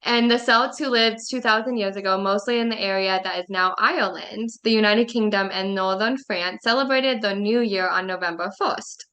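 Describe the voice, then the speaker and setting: A woman's voice: medium pitch, normal speed, few pauses, bright, forceful tone. A young adult woman co-hosting a casual podcast, reading passages aloud in a friendly way and now and then tripping over a word. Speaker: podcast co-host. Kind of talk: casual chat.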